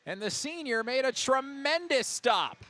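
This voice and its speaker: High bright man calling hockey. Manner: rapid excited calls that rise to shouts on big plays. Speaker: play-by-play announcer. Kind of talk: radio hockey play-by-play commentary. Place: ice arena broadcast booth.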